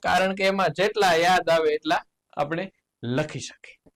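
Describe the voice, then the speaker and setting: A man with a Gujarati accent teaching an exam solution lesson, explaining words slowly, spelling out letters and tossing in playful asides. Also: poor audio. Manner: lively, jumps in pitch on key words. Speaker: English teacher.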